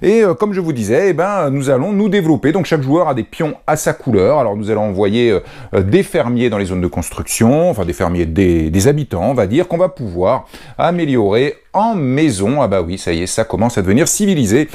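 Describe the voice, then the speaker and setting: A man's voice: mid-range voice, brisk. A French man explaining a board game's rules in a chatty way, with many hesitations. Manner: chatty, lively, with frequent hesitations. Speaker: board game reviewer.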